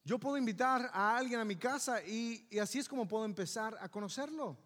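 A man's voice: very high-pitched, fairly quick. A man with a Mexican accent preaching a sermon as pastor, often asking his congregation "yes or no?". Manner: lively, asks the congregation "¿sí o no?". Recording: reverberant hall with faint music.

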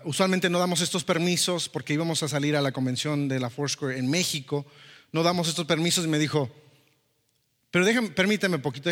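A man preaching a personal testimony, telling the story in a lively way and acting out the dialogue. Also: fairly high pitch, long reverb tail. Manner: storytelling, animated, acts out dialogue. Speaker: pastor. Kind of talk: sermon testimony.

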